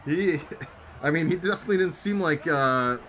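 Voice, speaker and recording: A young man with a bright, somewhat high voice chats casually as co-host of a simulated football stream. He rambles through long anecdotes and reads viewer comments aloud. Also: normal speed, a little hiss or hum. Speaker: co-host of a game-sim stream. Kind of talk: casual chat over a simulated football game.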